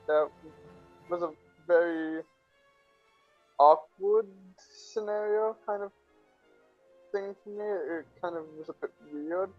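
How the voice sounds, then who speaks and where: A man's voice: high voice, slow, long pauses, no room sound. Male filmmaker doing BTS commentary, rambling and unsure, lo-fi muffled take. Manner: hesitant and rambling, with many fillers and restarts. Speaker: filmmaker discussing his fan film. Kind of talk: behind-the-scenes commentary. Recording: dull, lo-fi sound. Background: faint film music.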